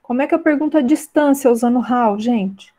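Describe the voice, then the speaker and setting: A female teacher with a mellow, fairly high-pitched voice gives an online class lesson, explaining things in Portuguese. She reads the English examples slowly and clearly and keeps checking in with "né?" and "tá?".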